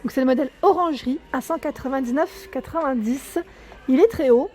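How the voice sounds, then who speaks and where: Chatty high-voiced woman touring a store. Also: brisk, a little mellow. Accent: southern French. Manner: chatty, enthusiastic, many fillers and "hein". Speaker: home decor vlogger. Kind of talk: casual store walkthrough vlog. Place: furniture store showroom, indoors.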